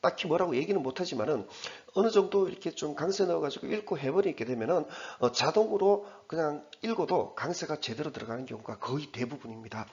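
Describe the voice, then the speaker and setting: Lively gravelly-voiced male English teacher. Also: fairly high pitch, muffled recording. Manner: chatty, repeats himself, reads English slowly word by word. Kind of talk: explaining an exam passage.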